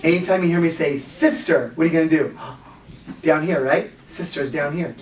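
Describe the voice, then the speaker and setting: A man's voice: on the high side, fairly quick. Man teaching a kids' Bible class. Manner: encouraging, prompting children with questions. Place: classroom with children. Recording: echoey room, mic far off.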